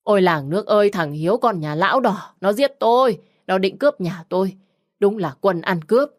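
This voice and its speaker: A woman voicing a poor older village man who shouts curses at a neighbor, then wails and pleads in despair. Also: lowish voice, normal speed, dry recording, studio quality, close to an everyday voice. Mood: wailing.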